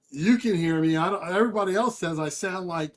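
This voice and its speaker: Remote male guest, slightly high voice, sound muffled and tinny as if underwater, casual and laughing. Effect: muffled, tinny sound as if underwater in a tin cup. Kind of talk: casual chat.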